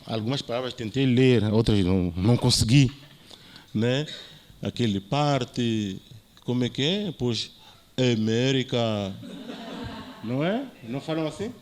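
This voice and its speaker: A man's voice: medium pitch, animated, unhurried, pauses often, a little mellow. A man with a Mozambican Portuguese accent, a university lecturer giving an academic talk and explaining points with frequent tag questions.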